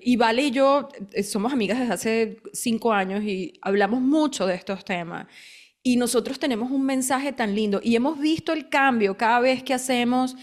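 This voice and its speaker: A woman co-hosting a podcast, talking in a lively, chatty way with quick bursts while asking her guest questions. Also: medium pitch. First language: Spanish. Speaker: podcast co-host. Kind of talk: casual podcast conversation.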